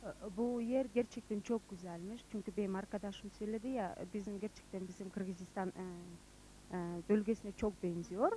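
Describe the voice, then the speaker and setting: A young woman from Kyrgyzstan with a Kyrgyz accent, giving an interview in halting, non-native Turkish as a student. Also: medium pitch, steady tone, warm tone, a little hiss or hum, rough recording. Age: young adult. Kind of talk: informal on-camera interview.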